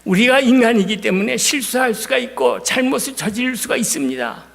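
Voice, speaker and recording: High, gravelly pastor preaching in a hall. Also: male voice, lively intonation, brisk. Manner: emphatic, dramatic retelling with swings between loud and hushed. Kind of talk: sermon. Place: church sanctuary. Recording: long hall reverb.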